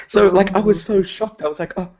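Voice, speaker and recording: A man's voice: high-pitched, moderate pace, crowd noise. A man chatting casually as a podcast co-host on a video call, hesitant, with many ums and restarts, and he laughs often. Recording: dull lo-fi video call audio.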